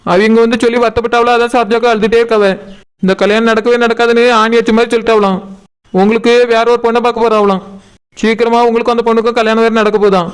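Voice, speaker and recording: A man's voice: very high-pitched, flat delivery, fast, smooth. A man voicing a caring, talkative village woman in a cartoon, coaxing and explaining at length. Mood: worried.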